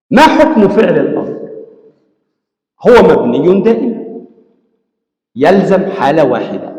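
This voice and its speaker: A man teaching a classroom grammar lesson, explaining step by step, asking his students questions and drilling examples slowly. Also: on the high side. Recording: echoey hall with long reverb.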